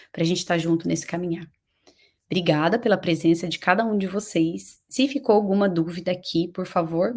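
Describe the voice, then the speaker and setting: A woman in her thirties with a Brazilian Portuguese accent, a parenting educator hosting a live stream who speaks earnestly and repeats phrases for emphasis. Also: fairly low pitch. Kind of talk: heartfelt live-stream talk with course pitch.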